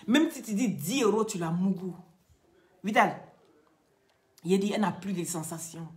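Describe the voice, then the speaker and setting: A woman talking casually to her viewers, animated and scolding, going from loud outbursts to quiet pleading. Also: medium pitch, normal speed. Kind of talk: casual chat, addressing viewers.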